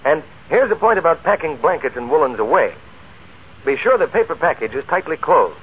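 A man working as a radio announcer, reading scripted promotions and credits in a brisk, upbeat way, heard through an old radio show broadcast. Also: a little high, sing-song, slightly rough. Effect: old radio show broadcast sound. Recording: tinny 1940s radio broadcast with music.

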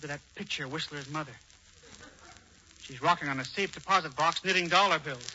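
An actor playing an earnest, excitable hero in an old radio comedy, with an urgent, blustering manner. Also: male voice, a little high, brisk, breathy edge, heavily acted. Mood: conspiratorial. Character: excitable, earnest male hero bent on retrieving plans. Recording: dull, noisy vintage radio recording.

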